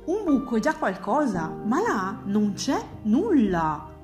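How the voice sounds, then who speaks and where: A woman's voice: on the high side, sing-song, slow, echoey room, over music. A woman voicing an unhappy will-o'-the-wisp spirit who stumbles over words in a storybook reading. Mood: worried.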